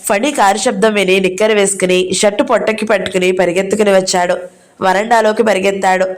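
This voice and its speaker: Woman audio-novel narrator, steady storytelling read. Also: medium pitch, fairly quick. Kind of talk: reading a novel aloud.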